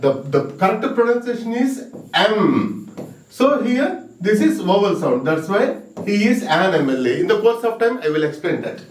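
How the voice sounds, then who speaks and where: A man teaching an exam-prep English grammar lesson, slow and emphatic, repeating key words and sounding out letters. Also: high voice, very animated. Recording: roomy echo, mic at a distance.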